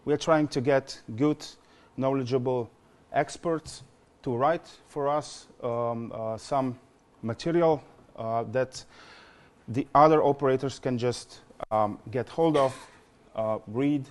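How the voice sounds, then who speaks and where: Presenting at a conference, a man from Slovenia in his forties takes it slowly, speaking accented English as a non-native speaker. His voice sits at medium pitch, and he leans on many fillers and repeats words often.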